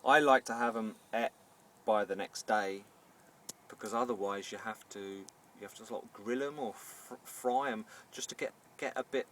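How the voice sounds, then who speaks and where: Cooking in a camper van, a man with a Northern Irish accent demonstrates a recipe as a home baker, talking casually and unscripted. His fairly low voice has a fairly bright tone and moves at normal speed, with hesitations and repeated words as phrases begin. A distant mic captures him amid faint background noise.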